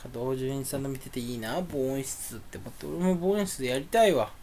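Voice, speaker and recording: A young man grumbling through a solo rambling monologue, ranting in complaints that burst out loud, with a voice that sounds angry even when he is not. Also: medium pitch, brisk, a little hiss or hum. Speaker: streamer.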